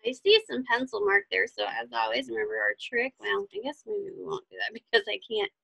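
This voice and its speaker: Her high voice swoops wildly up and down and frequently drops into creak, and she talks a little fast. She's a relaxed craft teacher guiding people step by step, chatting, cheering them on and musing out loud as she works, all captured on poor audio.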